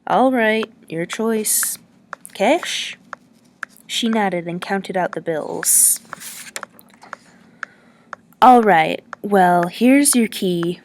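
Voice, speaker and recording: A woman's voice: medium pitch, extremely slow, long pauses, a little hiss or hum. A woman reading the lines of a chatty, teasing male lodging-house keeper who rambles in a folksy way.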